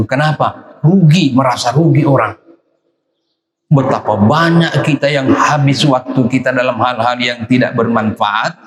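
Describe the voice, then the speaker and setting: A man of middle pitch gives a dawn sermon in a mosque, pressing his points by repeating short phrases. His voice rings through a large, echoey hall with a long reverb tail. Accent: Indonesian. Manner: emphatic, repeats phrases, acts out quoted voices. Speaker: preacher.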